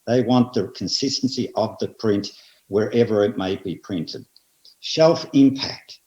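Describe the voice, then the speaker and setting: An Australian man presenting at an industry seminar, speaking in a measured way and hitting repeated phrases with emphasis. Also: on the low side, dark tone. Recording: roomy, slightly dull audio.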